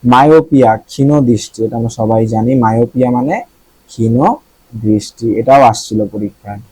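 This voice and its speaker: A man's voice: medium pitch, moderate pace, a little mellow, breathy edge, no echo, rough recording. A man from Bangladesh teaching vocabulary in a casual lesson, thinking aloud, checking pronunciations and joking with the viewers.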